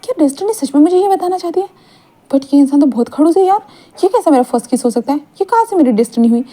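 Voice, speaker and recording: A woman's voice: sits high, expressive, fast talker, voice pushed up. A woman doing a brash, squealing young man. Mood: musing. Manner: loud, stammering, indignant outbursts. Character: brash, hot-tempered young male student. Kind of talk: dramatic fan-fiction reading.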